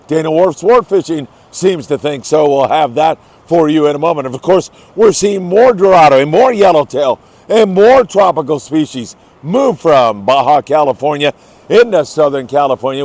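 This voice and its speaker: A man's voice: on the high side, normal speed, a little mellow. A man hosting a fishing report in an upbeat, effusive manner, like a travel show host gushing about the scenery and the fishing.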